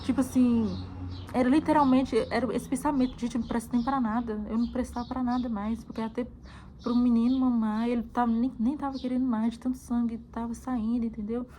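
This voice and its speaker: A woman's voice: a little high, little pitch movement, fairly quick, dark tone, slight background noise, rough recording. A woman from Brazil recounting a painful personal experience to her viewers, repeating words often and calling out to them directly. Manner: repetitive, emotional, addresses viewers as "gente". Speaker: mother sharing her story. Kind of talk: emotional personal testimony.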